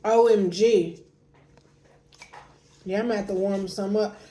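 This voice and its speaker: An American woman chatting casually over a meal, telling things in colloquial, animated fashion. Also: mid-range voice, unhurried. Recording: echoey room with faint background noise.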